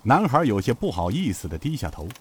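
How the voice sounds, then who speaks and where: A man narrating a serialized novel as an expressive, measured storyteller. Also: mid-range voice, slightly rough.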